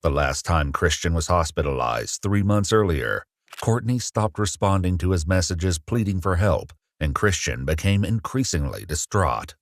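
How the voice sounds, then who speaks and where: Deep-voiced man narrating true crime. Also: expressive, no echo, studio quality. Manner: measured, serious.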